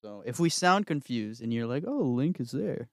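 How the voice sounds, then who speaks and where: A man's voice: mid-range voice, very animated, moderate pace, no echo, clean studio sound. Male podcast co-host, middle register, casual joking banter.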